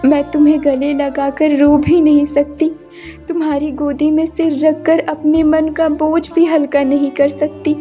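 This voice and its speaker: A woman's voice: high-pitched, flat delivery, measured pace, dark tone, highs cut off, soft background music. A woman voicing a sorrowful young woman trapped as a flower in a cartoon story, speaking in a wistful inner monologue.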